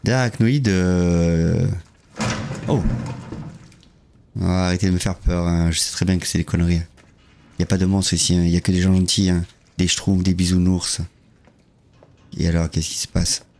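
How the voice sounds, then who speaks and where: A man live-streaming a horror game, chatting with viewers in a jokey, lively way and greeting them one by one. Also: low voice, normal speed, long pauses.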